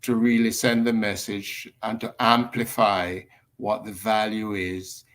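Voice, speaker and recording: A man speaking as a panel guest over a video call whose internet audio keeps cutting out, slow and hesitant with many fillers. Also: lowish voice, little pitch movement, fairly bright tone. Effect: choppy, cutting-out internet call audio. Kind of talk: formal remarks on a video call.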